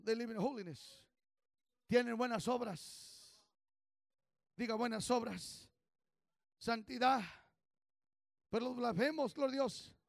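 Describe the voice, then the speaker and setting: A male pastor preaching a fervent sermon, swinging from low murmurs to shouts, leading call-and-response and slipping into English phrases. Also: creaky, no room sound, studio quality. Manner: call-and-response, urging the congregation to repeat. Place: church service.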